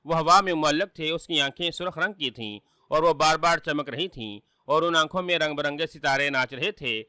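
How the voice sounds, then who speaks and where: Bright-voiced male storyteller. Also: on the high side, no echo, studio quality. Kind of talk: scripted story narration.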